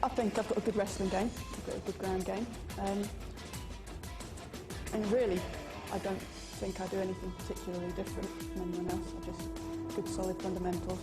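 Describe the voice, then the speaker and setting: A woman's voice: mid-range voice, little pitch movement, over loud music. A woman fighter with a British accent, modestly describing herself in a pre-fight interview. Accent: British English. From Manchester, England. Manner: modest, measured.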